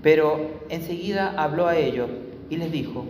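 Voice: mid-range voice, moderate pace, a little mellow, a little hiss or hum. A preacher delivers a sermon, repeating phrases for emphasis and speaking directly to the congregation. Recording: echoey hall with long reverb.

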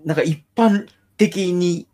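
Husky man musing aloud. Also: sits high, slow, mellow. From Nagoya, Japan. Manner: musing, thinks aloud with hesitant restarts. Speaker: podcast guest. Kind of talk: casual chat.

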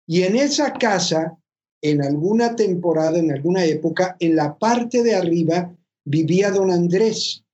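A speaker in casual talk adding curious historical details in a measured way, with fillers. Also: medium pitch, warm tone, dull audio.

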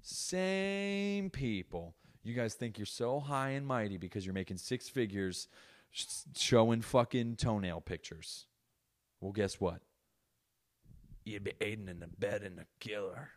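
A young man hosting a comedy podcast, ranting in a loose, profane way with loud bursts of mock outrage. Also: on the low side, normal speed. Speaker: podcast host. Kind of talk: casual comedic rant.

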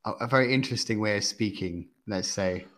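A man's voice: on the low side, brisk, fairly bright tone. A man co-hosting a podcast, chatting casually about a film and often searching for his words with fillers. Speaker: podcast co-host. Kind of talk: casual film review chat.

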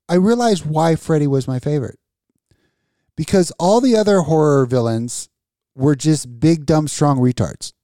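A man's voice: on the high side, mellow, no echo, studio quality. A man co-hosting a podcast in crude, casual chat, ranting with lots of swearing and laughing often. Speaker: podcast co-host.

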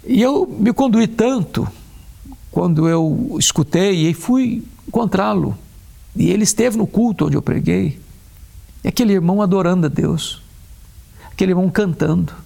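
A man, a preacher talking about faith and grief in a measured way, slowing down to stress key words. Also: high voice, creaky, mellow.

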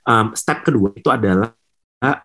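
A young male musician talking through an interview in a low, husky voice. He hesitates often, restarts his sentences and fills pauses as he searches for words, slipping English phrases into casual speech. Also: fairly bright tone. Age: young adult. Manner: hesitant, many fillers and restarts, mixes in English. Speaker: musician guest.

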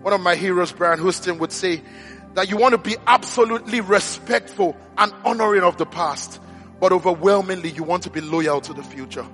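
Man, preacher, sermon, high voice, sharp tone, impassioned rhetorical questions. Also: a little fast, faint music behind. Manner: impassioned, rising to shouted appeals.

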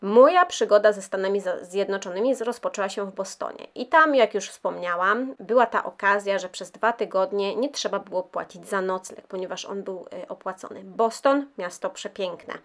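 A young woman talks through her travel stories on a casual podcast. She is chatty and loose, with frequent fillers and restarts. Her voice sits at an ordinary middle pitch. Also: normal speed, few pauses, a bit bright. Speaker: podcast host.

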